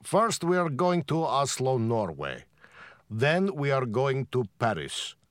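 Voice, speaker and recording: A slow-spoken prime minister. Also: male voice, medium pitch, big pitch swings, no room sound, studio quality. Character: male prime minister giving a calm interview. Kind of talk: scripted dialogue for a language lesson.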